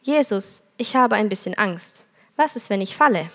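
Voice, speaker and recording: A woman voicing a small, earnest little girl who is a bit fearful, in a raised childlike pitch, in a sermon. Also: animated, moderate pace, fairly bright tone, long reverb tail. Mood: timid.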